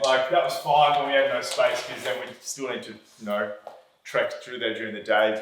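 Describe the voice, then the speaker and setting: A man giving a casual, unscripted tour of his clothing brand's warehouse in a loose, hesitant way, his voice echoing in the big indoor space. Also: on the low side. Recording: echoey empty-warehouse sound, faint music.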